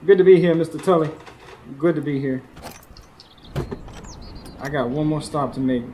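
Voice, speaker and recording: In a live stage recording of a radio drama with faint background noise, an actor voices an earnest, weary young stable hand telling his own story. His voice is a little high and close to everyday speech, at normal speed, and the mood is reflective.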